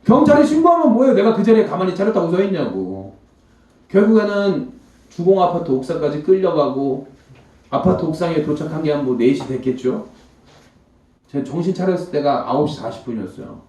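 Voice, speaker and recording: Man, church testimony, lively swinging pitch, mellow tone, echoey hall, mic at a distance. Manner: animated storytelling, acting out quoted voices. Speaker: comedian giving a church testimony. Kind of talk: emotional testimony talk. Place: church hall before a congregation.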